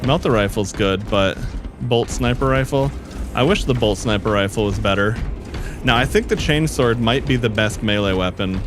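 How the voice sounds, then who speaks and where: A man giving casual live commentary as he plays a video game, calling out quick warnings to teammates. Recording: game music behind the voice. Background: game music and vehicle rumble.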